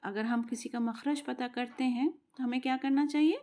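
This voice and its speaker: A woman gives a spoken recitation lesson in a fairly high voice. She explains patiently and repeats herself step by step. She draws out each demonstration sound slowly. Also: steady tone, dark tone. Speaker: Quran recitation teacher.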